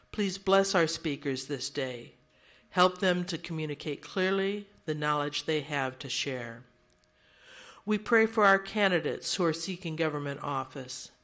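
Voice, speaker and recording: An older woman with a fairly low, slightly bright voice emcees and chairs a seniors' gathering in a large room. Speaking into a handheld mic, she delivers orderly, practical announcements sprinkled with light self-deprecating humor and leads a prayer.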